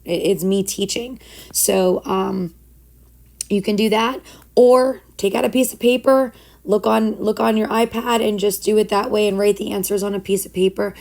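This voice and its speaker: Hoarse, froggy-voiced woman teacher with creaky fry. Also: medium pitch, a little mellow. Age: middle-aged. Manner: instructive, step-by-step. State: hoarse, losing voice, froggy swallowed sound. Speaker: school math teacher. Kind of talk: recorded lesson, informal explaining.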